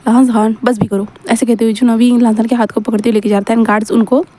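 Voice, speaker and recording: A woman's voice: fairly high pitch, level tone, quick pace, dark tone. A woman casually narrating a romance fan story, mixing Hindi with English words and quoting the characters' lines. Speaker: storyteller retelling fan fiction.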